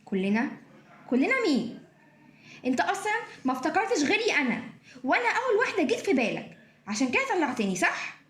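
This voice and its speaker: High bouncy voice, woman doing a clingy chatterbox xmas tree, echoey room. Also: big pitch swings, fast talker, a bit bright. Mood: clingy, teasing. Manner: chattering, pestering, giggly. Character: chatty clingy talking Christmas tree, female. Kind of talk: children's play acting.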